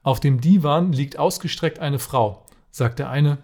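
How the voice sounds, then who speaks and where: This podcast co-host reads jokes aloud during casual chat and often cracks up while telling them. His voice is fairly high and darkish, delivered at a measured pace.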